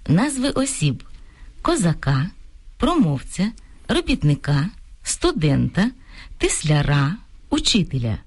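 A woman co-presenting a scripted radio talk on grammar, reading out examples in a clear, deliberate way. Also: lowish voice. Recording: radio studio broadcast.

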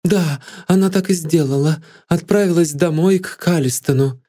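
A man's voice: fairly high pitch, moderate pace, dark tone, pitched above the performer's own voice, natural voice. A man voicing a proud, cool young woman who turns feverish under questioning, read as an audiobook figure. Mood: agitated. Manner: cool and scornful, rising to feverish alarm.

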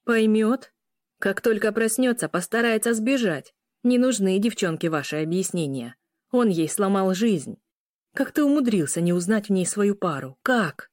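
A woman's voice: medium pitch, lively intonation, normal speed, a little mellow, no echo, studio quality, close to an everyday voice. A woman voicing a stern werewolf uncle in an audiobook, blunt and lecturing.

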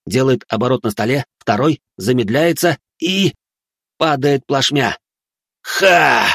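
A man's voice: medium pitch, moderate pace, no echo, studio quality. A man narrating a first-person story in a tense, dramatic way.

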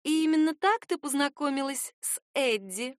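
A woman's voice: sits high, animated, normal speed, no echo, clean studio sound, voice pushed up. A woman reading the lines of a chatty, probing Southern woman in an audiobook, with a lightly raised, questioning tone. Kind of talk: audiobook character voice.

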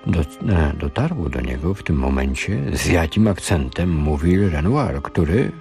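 A man reading a story aloud on the radio in an unhurried, expressive way. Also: a bass voice, soft background music. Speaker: radio reader. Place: radio studio.

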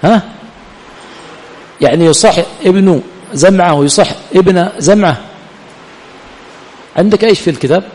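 This man quizzes his students and then supplies the answers himself while teaching hadith and grammar in an Islamic study center's lecture hall. He has a high, slightly mellow voice, speaks at a normal speed, and leaves long pauses. There is long reverb from the hall and faint ambience.

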